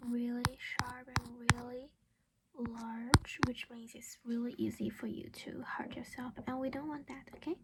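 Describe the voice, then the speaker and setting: In a gentle ASMR roleplay, a woman plays a caring, protective vampire mother, whispering breathily right up against the microphone in a reassuring way. Her voice is a little high, and there is some background noise.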